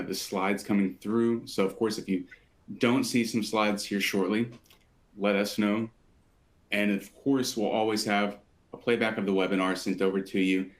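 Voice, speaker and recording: Low-voiced man hosting a webinar. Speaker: webinar host from sales team. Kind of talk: live webinar presentation.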